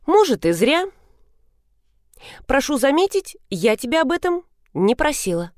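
Teasing, sharp-tongued young woman, voiced by the reader. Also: sits high, big pitch swings, measured pace, no room sound, studio quality, voice pushed up. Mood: mocking. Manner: mocking, playful.

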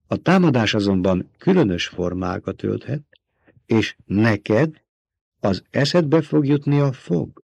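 A man's voice: mid-range voice, animated, gravelly, a little mellow, breathy edge, dry recording. A man reading an audiobook, voicing an old male doctor turned traitor, feverishly obsessed with revenge, who speaks in an intimate, coaxing way. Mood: intense, confiding.

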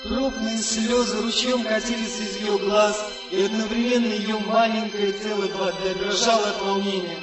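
A man narrating a story in an earnest, measured way, like an old radio show, recorded from far off in an echoey hall with loud music. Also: sits high, level tone.

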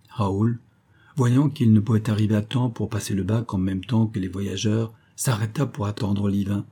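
A man reads a classic novel aloud in a steady, measured way. His voice sits low and dark with a slightly husky grain. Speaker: audiobook narrator. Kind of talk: scripted narration of a novel.

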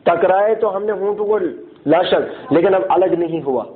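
Man teaching with a high voice, tinny recording. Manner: repeats key points and asks the class questions; sounds out letters slowly and deliberately. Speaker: Quran recitation teacher. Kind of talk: classroom lesson.

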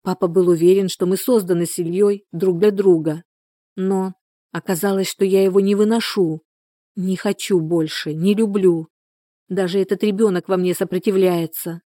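A woman's voice: mid-range voice, steady tone, moderate pace, mellow, no room sound, clean studio sound, natural voice. A woman reading an audiobook, voicing a distraught, tearful pregnant young woman who pleads in broken repetitions.

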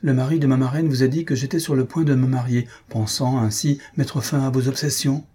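A man voicing a tender, anxious young woman in an audiobook reading, raising his voice higher and speaking earnestly. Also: steady tone, a little fast, mellow, husky, lightly acted.

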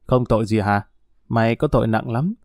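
A man's voice: mid-range voice, a little fast, darkish tone, no echo, studio quality, close to an everyday voice. A man doing a cruel menacing pimp. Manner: harsh, threatening, contemptuous. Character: brutal male pimp, cold and menacing.

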